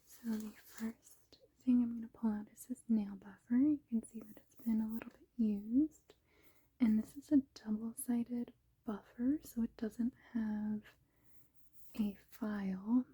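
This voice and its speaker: A woman whispering softly in an unhurried ASMR ramble, with a breathy, husky voice and short, gently paused phrases. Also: on the high side, fairly even intonation, rough recording. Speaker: ASMR video host.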